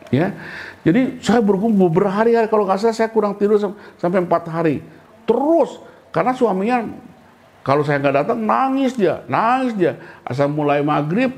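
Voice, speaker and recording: A man's voice: sits high, a little mellow, low-quality recording. A middle-aged man preaching a sermon in a casual, colloquial way, often addressing his listeners directly and acting out the voices he quotes. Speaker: pastor.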